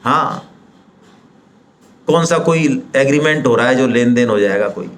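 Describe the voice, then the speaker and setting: A man giving a devotional seminar talk in a middle-pitched voice. He is lively and persuasive, throws rhetorical questions at the listeners and speaks to them directly and colloquially. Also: a little slow. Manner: animated, rhetorical questions, acts out quoted voices.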